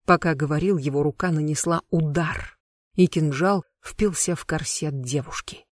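An audiobook narrator with a measured, even storytelling delivery and a voice of middling pitch. The recording is close and dry, with no room sound at all. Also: dry recording. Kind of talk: dark fantasy audiobook narration.

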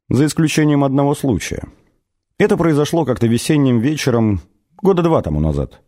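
A man narrating an audiobook in an expressive, ironic storytelling manner. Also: on the low side.

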